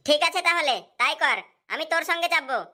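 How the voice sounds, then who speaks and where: An easygoing young village lad goes along with his friends' plans, as a woman voices him. His voice is high and bright, and he sounds agreeable, in a cartoon. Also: a little fast.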